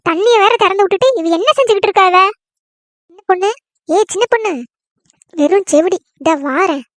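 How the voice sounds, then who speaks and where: Someone voicing a shrill nagging mother-in-law. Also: animated, brisk, no echo. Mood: scolding. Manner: nagging, scolding loudly. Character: grumbling village mother-in-law, aching and scolding. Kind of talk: cartoon comedy voice acting.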